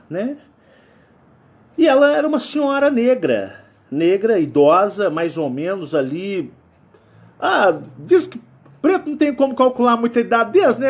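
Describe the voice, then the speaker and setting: A Brazilian man hosting a channel, telling a story in a casual, rambling way and ending nearly every phrase with a tag question. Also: sits high. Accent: Brazilian Portuguese. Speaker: channel host.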